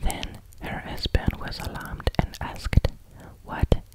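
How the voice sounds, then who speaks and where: A native French speaker with a French accent reading in a hushed, close ASMR whisper, carefully and a little haltingly. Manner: careful, halting over difficult English words. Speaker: ASMR reader. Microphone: close microphone.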